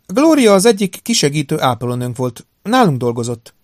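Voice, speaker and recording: Guy doing a pleasant measured lady doctor, pitched way up, lively, dry sound. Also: no room sound. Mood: matter-of-fact. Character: composed middle-aged woman psychiatrist. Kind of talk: audiobook character voice.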